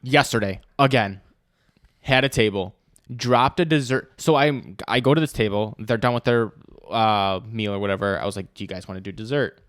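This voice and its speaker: A young man co-hosting a podcast, telling animated anecdotes and mimicking people in higher voices. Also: normal speed, no room sound, clean studio sound. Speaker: podcast co-host. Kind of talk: casual chat, storytelling.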